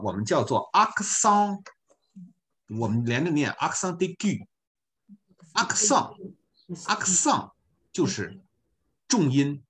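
Man, volunteer teacher, online beginner lesson, patient explaining, pitch that rises and falls a lot. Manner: patient, explanatory, frequent filler particles.

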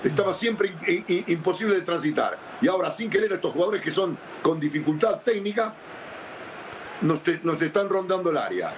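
A man's voice: sits high, sing-song, brisk, slight background noise. A man giving live match analysis as a football pundit, insistent and repeating his phrases.

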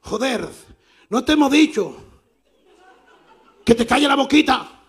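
Preacher doing a hulking menacing man, gruff and low, slow threats, spoken in a sermon story. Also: expressive. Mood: threatening. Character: huge menacing man on a train, male adult.

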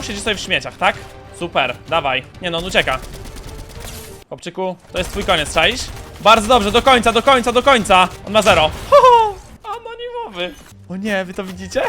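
A young man commenting on his own gameplay, his voice sitting high and leaping all over the place as he yells and teases. Music plays underneath him the whole time. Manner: excitable, shouts at other players, teasing. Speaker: gaming YouTuber. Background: background music.

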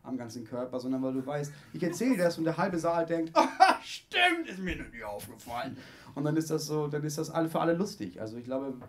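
Fairly high-pitched and very animated, a young guest comedian chats with an audience on a small living-room stage using a handheld mic. Quick and self-mocking with a wry edge, he voices the people he quotes.

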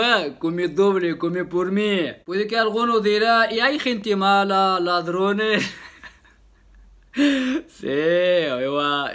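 Male vlogger, high bright voice, unhurried and jokey, laughs a lot. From Morocco. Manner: jokey, laughs often, tag questions. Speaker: YouTuber. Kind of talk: casual vlog talk to viewers.

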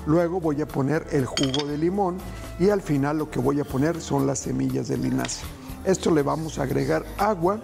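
This middle-aged man fronts a televised cooking demonstration, his rather high voice edged with vocal fry. Homespun and warm, he gives viewers soft-spoken tips as if they were relatives, all from a studio kitchen.

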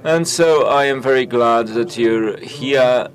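A medium-pitched man does simultaneous interpretation of conference talks, halting as he goes, full of filler sounds and restarts.

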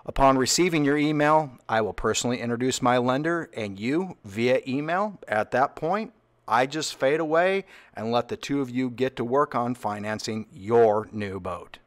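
Upbeat man reading a sponsor pitch. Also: moderate pace. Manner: upbeat, playful salesman pitch. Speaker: yacht broker and channel host. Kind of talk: scripted sponsor read. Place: voice-over.

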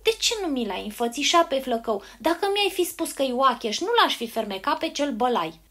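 A woman's voice: high-pitched, lively intonation, fairly bright tone. A woman voicing a mischievous fairy servant who protests the blame in a storybook tale. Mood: cheeky defensive.

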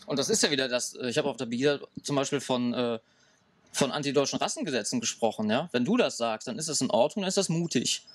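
A man's voice: mid-range voice, fast talker, no room sound, studio quality, recorded from a distance. A man in his thirties being interviewed outdoors in woods, arguing his point emphatically. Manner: emphatic, argumentative.

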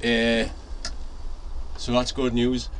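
In a mid-range, slightly bright voice with completely flat delivery and drawn-out words, a man in his forties from North East England chats casually, rambling with lots of ums and restarts in his Northeast English accent. He vlogs about his allotment, filming outdoors on a handheld camera and then indoors in a shed with a fixed camera, while sirens and traffic sound outside.

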